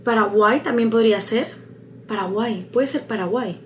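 A woman's voice: on the high side, normal speed, a little hiss or hum. A woman vlogger thinking aloud as she takes a quiz, hesitant and musing, laughing at her own luck.

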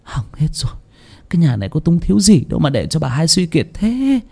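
A man voicing an anxious old village woman who gives hurried, stammering orders in a raised voice. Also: very animated, vocal fry, warm tone, husky, full character voice. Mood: urgent. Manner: urgent, stammering, raised pitch.

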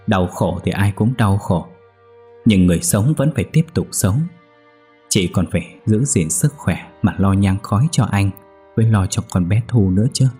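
A man voicing an older man who gently consoles a grieving family in a soft voice. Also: low-pitched, breathy edge.

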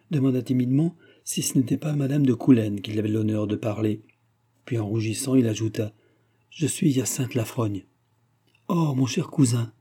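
A man narrating a classic French novel as an audiobook, in a steady, measured reading. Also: mid-range voice, breathy edge.

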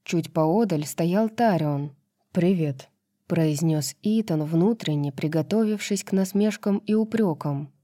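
A woman narrating a fantasy novel as an audiobook, reading in an even, measured way. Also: fairly low pitch, no echo, clean studio sound.

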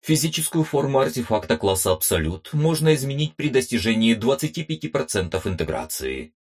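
A man voicing a cold machine artifact that reads out status reports in flat, formal announcements. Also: medium pitch, a little fast, pitched above the performer's own voice.

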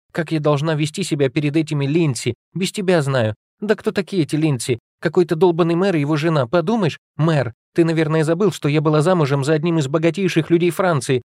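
Guy doing a hot-tempered young woman, whiny and foul-mouthed, pitched up a bit, super dry audiobook sound. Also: a little mellow, dry recording, lightly acted. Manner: whining, heated, reproachful. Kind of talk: audiobook character voice.

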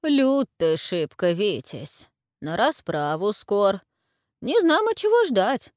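A woman voicing a frightened, wheedling old witch with a shrill, wailing manner and folksy speech. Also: big pitch swings, slow pace, darkish tone, no echo, studio quality. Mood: fearful wheedling.

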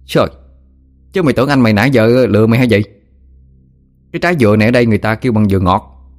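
A man's voice: fairly low pitch, faint music behind, natural voice. A man with a Southern Vietnamese accent voicing an older village boy who teases and shows off. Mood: boastful. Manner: teasing, brash, quick-talking. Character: older village boy, teasing, brash, showing off.

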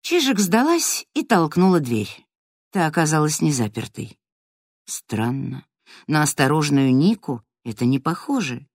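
A woman reading a children's story aloud in a calm, measured way. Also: low voice, no room sound, clean studio sound. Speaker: narrator. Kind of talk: scripted audiobook narration.

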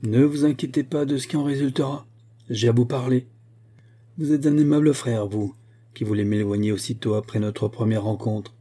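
A man's voice: medium pitch, steady tone, moderate pace, warm tone, natural voice. A man voicing a bitter, commanding middle-aged man who speaks with mocking scorn.

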